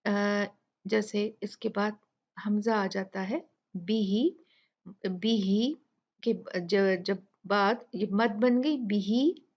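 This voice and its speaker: A woman teaching Quran recitation rules in a tajweed tutorial, explaining patiently step by step and repeating examples slowly. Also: medium pitch, fairly even intonation, darkish tone, lo-fi sound.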